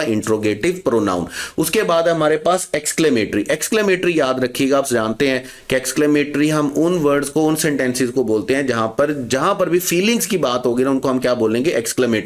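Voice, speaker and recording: Male grammar teacher, mid-pitched, quizzing the class and answering himself, spelling out examples slowly. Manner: asks the class questions and answers them himself, calls students "beta"; slows to spell out example words and phrases. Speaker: English teacher. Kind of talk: exam-prep grammar lecture.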